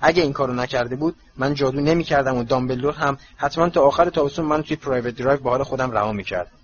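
A man voicing a resentful teenage boy with forced calm and sarcasm in a storybook reading, in a slightly muffled recording with faint hiss. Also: on the high side. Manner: strained calm breaking into sarcasm.

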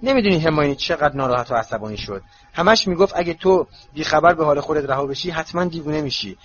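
A man voicing a blunt, excitable teenage boy in a storybook reading, in a slightly muffled recording with faint hiss. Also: fairly high pitch. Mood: defensive. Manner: blurting, defensive.

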